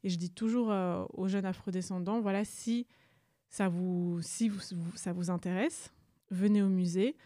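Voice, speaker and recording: A woman's voice: on the low side, steady tone, normal speed, dark tone. A young adult woman from Rwanda, answering interview questions about her museum work with frequent fillers and restarts. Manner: hesitant, many fillers and restarts. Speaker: museum staff guest.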